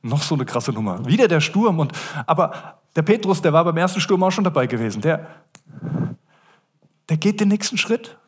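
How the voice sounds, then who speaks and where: A man's voice: fairly high pitch, very animated, normal speed, slightly rough. A man preaching a sermon as a pastor, speaking earnestly and addressing listeners directly.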